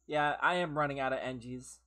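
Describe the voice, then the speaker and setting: With an extremely low pitch and a fairly bright tone, a woman gives casual live gameplay commentary from her own room. She banters with viewers, laughs frequently and teases them, but she's tired and her voice is going.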